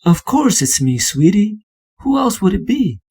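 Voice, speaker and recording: A man's voice: high-pitched, big pitch swings, a little slow, mellow, breathy edge, voice pushed up, heavily acted. A man voicing an older aunt who coddles and patronizes in a sugary, sinister way. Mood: cloying. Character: sweet-talking old aunt, sinister underneath.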